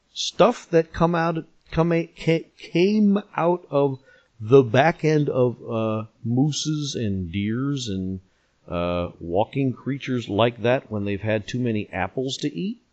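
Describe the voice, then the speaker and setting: A man co-hosts a casual podcast with joking, teasing banter. His pitch moves around in a lively way while his pace stays slow. The recording is a bit dull and lo-fi. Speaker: podcast co-host.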